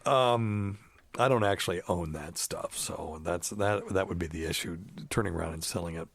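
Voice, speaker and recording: A middle-aged man with a lowish voice hosts a medical podcast, drifting through plugs and jokes with plenty of ums and uhs. His voice sits close and dry on a studio mic, with no room sound around it. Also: moderate pace, creaky, no echo. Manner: rambling, jokey, many fillers. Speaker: podcast host, doctor. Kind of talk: casual chat and ad reads.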